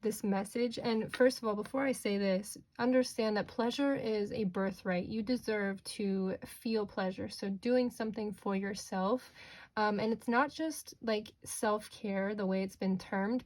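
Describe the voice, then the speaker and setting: A woman's voice: mid-range voice, fairly even intonation, a little slow, a little mellow. A woman speaking as a fortune teller, giving an informal, reassuring tarot reading straight to the listener and often checking in with a questioning okay. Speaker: tarot card reader, host.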